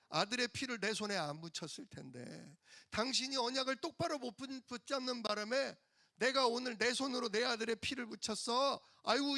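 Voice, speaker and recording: A man's voice: extremely high pitch, gravelly, sharp tone, pitched above the performer's own voice, full character voice. A preacher acting out an exasperated wife scolding her husband with sighing exclamations.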